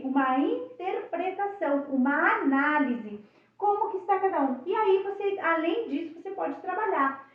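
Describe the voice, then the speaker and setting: A woman, an educator and therapist, explains classroom activities in a lively way and often asks rhetorical questions. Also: sits high. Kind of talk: teaching presentation for teachers and parents. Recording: echoey room, distant mic, dull sound.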